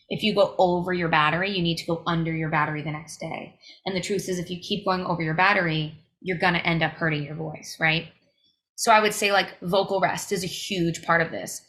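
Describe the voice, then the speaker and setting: Speaking steadily and fairly quickly, a young woman who tours as a singer gives earnest, emphatic advice, with fillers, in a casual home-recorded podcast interview. Her voice is lowish and a bit bright, and there's a little hiss or hum.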